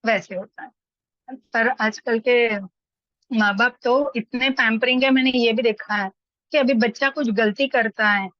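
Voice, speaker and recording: Woman, middle-aged, casual anecdotal talk, fairly high pitch, dry close sound, muffled lo-fi recording. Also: fairly even intonation, unhurried, no room sound. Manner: chatty, anecdotal, acts out quoted voices. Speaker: study group speaker. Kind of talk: casual spoken discussion.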